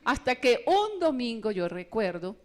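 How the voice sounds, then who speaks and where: A woman gives a spirited testimony at a church retreat. Her voice sits high. She tells her story with energy and acts out the voices of others along the way. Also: measured pace. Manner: animated storytelling, acting out quoted voices. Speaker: retreat speaker. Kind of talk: personal testimony in a retreat talk.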